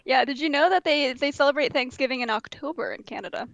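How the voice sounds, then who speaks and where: A woman's voice: sits high, fast, vocal fry, dry recording, muffled recording. A woman who grew up in Denmark, co-hosting a casual podcast and telling stories at an easy pace with many fillers. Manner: relaxed storytelling with many fillers. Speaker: podcast co-host. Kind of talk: casual chat.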